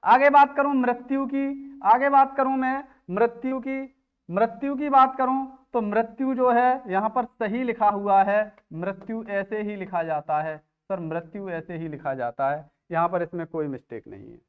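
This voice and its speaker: Very high-pitched man teaching, smooth voice. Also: measured pace, narrow, tinny audio. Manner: quizzes himself, asks then answers. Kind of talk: spelling lesson.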